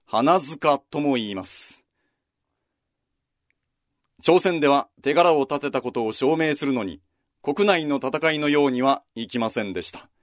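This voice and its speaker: A man's voice: medium pitch, unhurried, pauses often, no room sound, clean studio sound. A man hosting a history program, narrating a walking route in a scripted but conversational way with casual asides. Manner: lively, conversational storytelling with asides.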